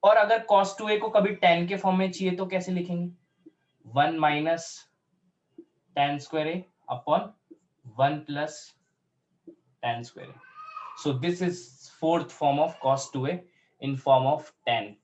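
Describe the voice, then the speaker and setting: A man teaching a math lesson in Hindi with English terms, working through steps aloud and slowing down to dictate formulas. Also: on the high side, muffled recording. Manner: talks through steps aloud, checks in with students often; slows right down to dictate formulas.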